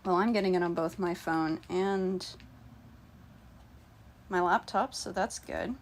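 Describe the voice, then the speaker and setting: A woman's voice: fairly low pitch, takes it slowly, a little hiss or hum. Slightly under-the-weather woman chatting on livestream. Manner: informal, chatting to viewers, trailing asides. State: mildly under the weather with sinus pressure. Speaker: livestream host. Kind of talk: casual unscripted livestream chat.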